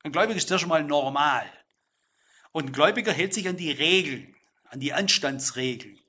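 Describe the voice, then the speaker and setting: A middle-aged man preaching a sermon, speaking straight to the congregation and slowing down to stress key phrases. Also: on the high side, expressive, bright, forceful tone, husky. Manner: addresses listeners directly, emphatic with slow stressed phrases.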